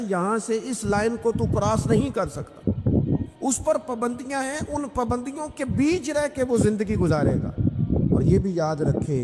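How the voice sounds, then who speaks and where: A man delivering an emphatic, rhythmic sermon, repeating phrases and reciting Arabic verses. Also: high voice. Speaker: Islamic preacher. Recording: echoey hall, noisy.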